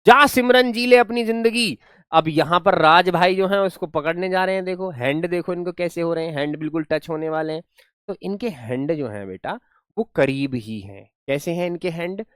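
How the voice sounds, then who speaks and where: A man's voice: fairly high pitch, normal speed, a bit bright, clean tone, dry recording, clean studio sound. A man teaching an online class, explaining words playfully, repeating his questions and praising his students.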